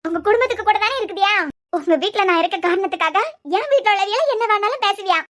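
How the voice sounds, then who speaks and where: Woman voicing a shrill defiant young wife. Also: a bit bright. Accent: Kanyakumari Tamil. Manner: reproachful, lecturing, defiant. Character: young wife, proud, fiercely defends her family. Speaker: cartoon character. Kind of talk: cartoon web series dialogue.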